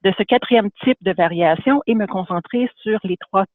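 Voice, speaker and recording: A man's voice: sits high, moderate pace, no echo. A man presenting a webinar lecture, hesitant, with frequent fillers and restarts. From Canada. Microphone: computer or headset mic on a video call. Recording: tinny dry phone-like webinar audio.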